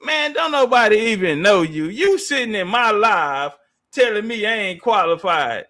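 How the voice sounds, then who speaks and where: A man's voice: high voice, lively intonation, moderate pace, bright, forceful tone. A man hosting a live debate stream, confrontational and taunting in slangy speech, repeating phrases for emphasis. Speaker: live-stream panel host.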